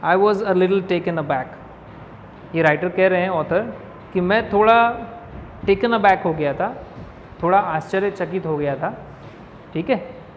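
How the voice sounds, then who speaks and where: A male teacher explaining an English lesson in Hindi. He reads each English line slowly, then explains it, and often checks in with his class. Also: high voice, dull audio. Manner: keeps checking in with "ठीक है". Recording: reverberant room with faint noise.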